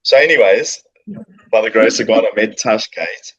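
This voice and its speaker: His voice is on the low side, fairly bright and edged with breathiness, and he speaks at a moderate pace. He's a middle-aged South African business owner, a podcast guest telling his story with jokes and fillers in a casual interview at a coworking space. The audio is lo-fi.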